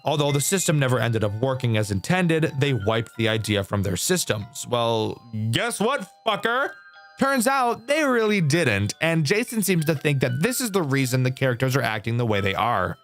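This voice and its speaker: A young male gaming YouTuber gives a loose, candid review of a horror game, casually dropping in swear words. His sing-song pitch swings up and down a lot, and he speaks at a normal speed with hardly any pauses. Faint music plays in the background.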